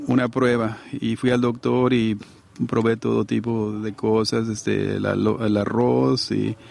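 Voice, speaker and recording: A man's voice: lowish voice, little pitch movement, unhurried, gravelly, darkish tone. A middle-aged man preaching a sermon to a congregation in a conversational way, often asking his listeners to agree.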